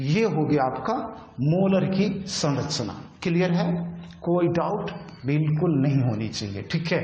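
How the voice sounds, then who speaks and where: A man's voice: fairly high pitch, darkish tone. A male teacher giving a lecture, who asks questions, answers them himself and keeps checking in with his students. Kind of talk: classroom lecture. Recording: echoey, dull lo-fi sound.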